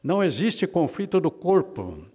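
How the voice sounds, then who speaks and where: A man's voice: a little high, very animated, moderate pace, a little mellow, slightly rough, big-room sound. A man with a Brazilian Portuguese accent teaching a Bible class, emphatic and repeating his phrases for weight. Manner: emphatic, repeats phrases, calls listeners brother.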